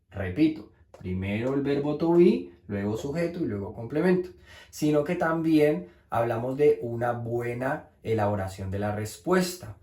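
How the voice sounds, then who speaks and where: A man whose first language is Spanish explains English grammar in a teacher's patient, step-by-step manner, slowing down to say each example sentence. His voice is mellow and warm, in a middle register, and the room around him rings with echo. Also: medium pitch. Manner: slows down to model English sentences.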